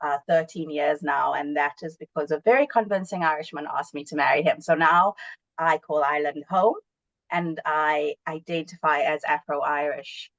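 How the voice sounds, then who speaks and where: A woman's voice: sits low, steady tone, moderate pace, fairly bright tone, no room sound, muffled recording. A woman from South Africa, a panel guest answering earnestly and reflectively on a webinar. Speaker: panel guest, award winner.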